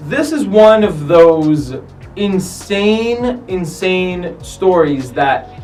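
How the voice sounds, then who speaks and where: A man's voice: sits high, extremely slow, recorded from a distance, soft background music, low-quality recording. A man hosting a soccer countdown show, commenting casually and animatedly on footage, swearing freely. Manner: animated, profane, acts out players' lines.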